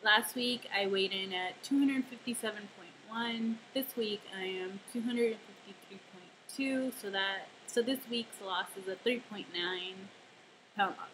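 A woman's voice: mid-range voice, measured pace, fairly bright tone. A woman talking casually to her camera at home in a rambling video diary, with lots of fillers and self-deprecating asides. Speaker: vlogger. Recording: noisy home camera recording.

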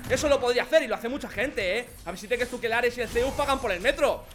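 A young man with a Spain Spanish accent, joking and shouting excitedly as he commentates a video game. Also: very high voice, quick pace, a little hiss or hum. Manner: excitable, jokey, shouts at enemies. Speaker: gaming commentator. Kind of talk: let's play commentary.

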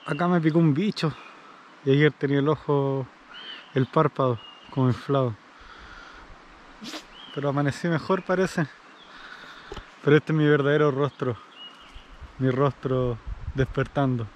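A man's voice: mid-range voice, a little slow, pauses often, dull audio, slight background noise. A young man, chatting casually to a handheld camera on a rural trail while camping. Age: young adult. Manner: relaxed, chatty, explaining to camera. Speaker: vlogger. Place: outdoors on a rural hiking trail. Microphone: handheld camera at arm's length.

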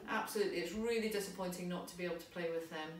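Speaking rapid-fire in a lowish voice, a woman music tutor cheerfully encourages young players through each step. It's friendly instructional talk, recorded from a distance in an echoey, unfamiliar large venue.

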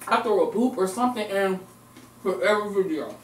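Heard from far off through a distant camera mic, a young mukbang vlogger chats expressively while eating on camera in her echoey home recording room. Her mid-range voice is brisk, with slight background noise, and murmured eating sounds mix into the casual vlog talk.

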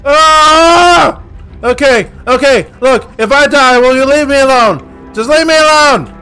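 A man yelling in panic at the creatures while playing a horror game, screaming often. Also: very high-pitched, a little slow, soft background music. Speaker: gaming YouTuber.

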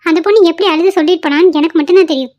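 A woman's voice: extremely high pitch, very fast, darkish tone. A woman voicing an indignant young wife in a cartoon, scolding her brother-in-law. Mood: reproachful. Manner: indignant, reproachful.

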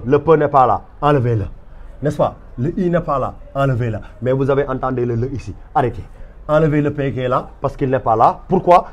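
A man's voice: mid-range voice, darkish tone, slight background noise. A man with a Senegalese French accent teaching a literature lecture, walking students through examples step by step and stressing each point over and over. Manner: emphatic and repetitive, stepping through examples.

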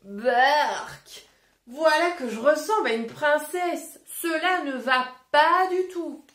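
A woman's voice: high-pitched, takes it slowly, a bit bright, reverberant. A woman voicing a fussy male wolf from a children's storybook, exclaiming in dramatic complaints about how he looks. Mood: disgusted. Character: fussy male wolf unhappy with his color.

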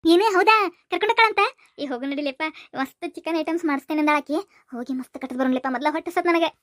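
Cast: voice actor as a cheeky, lazy village boy in a cartoon, North Karnataka accent, rapid high chatter. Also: fairly even intonation, dry recording, lightly acted. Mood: eager. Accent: North Karnataka Kannada. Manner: quick, high and squeaky, bickering. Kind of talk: cartoon voice acting.

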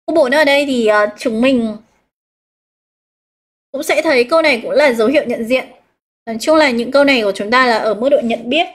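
Leading a live English exam review, a female English teacher with a Northern Vietnamese accent talks fairly quickly and pauses often. Her voice is a bit higher than most, and she walks through every answer step by step, stretching key words and calling out her students' choices.

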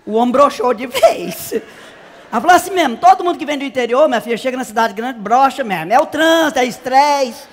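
A man's voice: very high-pitched, expressive, a little fast, in a large hall, slight background noise. A man playing a brash, naive country woman from the interior, telling a comic story in character. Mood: gossipy. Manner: chatty, exaggerated, squealing cries. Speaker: comedian.

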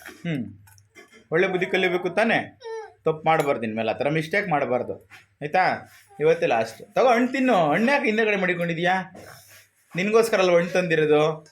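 A man's voice: high voice, lively intonation, a little fast, long pauses. A man talking with his young daughter, coaxing and mildly scolding her through repeated questions. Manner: coaxing, gently scolding, keeps asking questions. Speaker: father, vlogger. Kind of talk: casual family chat.

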